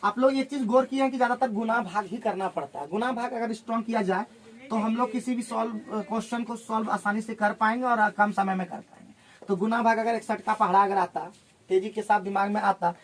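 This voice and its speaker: A man teaching a maths class, firing questions at his students and working sums out loud. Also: high-pitched, fairly even intonation. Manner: drills students with rapid questions while calculating aloud. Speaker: maths tutor.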